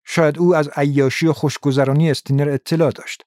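Brief: male audiobook narrator, calm measured storytelling, close dry recording. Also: on the high side, dry recording. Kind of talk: scripted narration of a crime novel.

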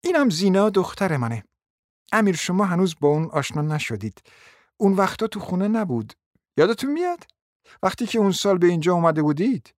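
A man's voice: high voice, big pitch swings, no room sound, studio quality, voice pushed up. A man voicing a proud, formal society lady. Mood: formal, polite. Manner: formal, insistent. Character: proud middle-aged mother, society hostess.

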